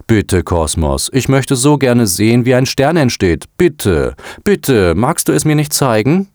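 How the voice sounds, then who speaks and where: A man's voice: medium pitch, big pitch swings, measured pace, darkish tone, dry recording, studio quality, voice pushed up. A man voicing a nervous, curious young boy in a storybook, speaking in a pleading way.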